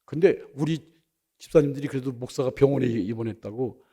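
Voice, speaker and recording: Gravelly middle-aged man preaching. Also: mid-range voice, brisk. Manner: storytelling with sudden loud bursts and quiet drops. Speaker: pastor. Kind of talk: sermon. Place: church sanctuary.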